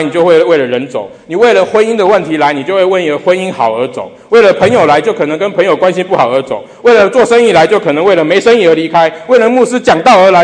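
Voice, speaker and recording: Male pastor preaching in a reverberant hall. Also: a little high. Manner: rhetorical questions to the congregation; emphatic repetition. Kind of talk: sermon. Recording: long reverb of a large hall.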